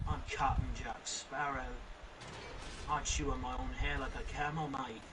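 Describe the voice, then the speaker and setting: A man voicing a boastful, grimy male pirate captain in a low, gruff mock drawl that ends lines with 'mate'. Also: steady tone, unhurried, distant mic, noisy background, close to an everyday voice. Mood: leering.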